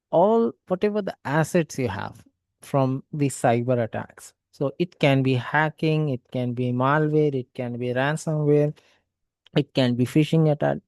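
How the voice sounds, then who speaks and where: A male trainer explains step by step, often starting his thoughts with "okay, so". His voice is dark and mellow, at a middle pitch. The recording is dry and close. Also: dry recording. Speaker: cybersecurity trainer. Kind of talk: online lecture.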